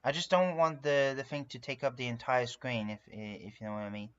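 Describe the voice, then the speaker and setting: French man, native french speaker, livestream chat, rambling and filler-heavy, smooth voice, slightly dull audio. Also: mid-range voice, fairly even intonation, a little fast, fairly bright tone. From France. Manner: rambling and self-narrating, many fillers. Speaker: streamer. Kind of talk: casual live-stream chat while drawing.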